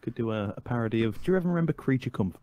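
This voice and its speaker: A man joins a game stream as a guest and chats in a relaxed, hesitant way. His voice sits at a plain middle pitch. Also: racing. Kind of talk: casual live-stream chat.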